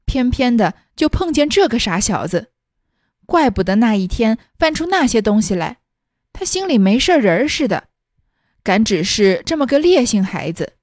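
A woman voicing a sharp-tongued young noblewoman who runs a household, speaking briskly and with command. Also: fairly high pitch, very animated, no room sound, clean studio sound. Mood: exclaiming. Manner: brisk, quick-witted, commanding.

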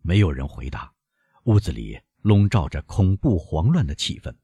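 A man narrating a classic novel as an audiobook, reading in a dramatic, expressive way. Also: deep voice, moderate pace, slightly rough, dry recording, lo-fi sound.

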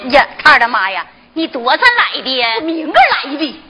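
A woman's voice: sits high, sing-song, moderate pace, heavy background noise. An actress playing a worried, pleading mother of a sick girl in northeastern folk opera dialogue, with a Northeast Chinese accent.

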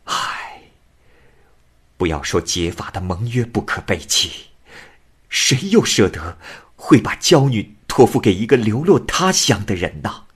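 A man's voice: on the low side, sing-song, a little slow, breathy edge, full character voice. A man doing a lonely, tearful young man. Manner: choked, emotional.

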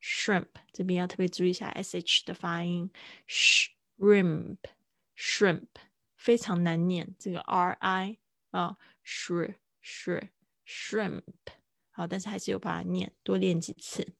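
Gravelly low-voiced woman teaching vocabulary. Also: flat delivery, no room sound, clean studio sound. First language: Mandarin. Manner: chatty, repeats words slowly to model pronunciation. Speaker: English teacher. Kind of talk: live-streamed vocabulary lesson.

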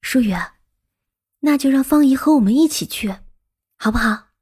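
A woman playing a gentle young mother. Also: fairly high pitch, lively intonation, moderate pace, slightly rough. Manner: soft and coaxing.

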